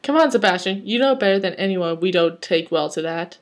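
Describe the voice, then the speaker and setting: A woman's voice: fairly low pitch, expressive, fairly quick, natural voice. A woman reading aloud, voicing a cocky, taunting boy bully in a fanfic reading. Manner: sneering, taunting.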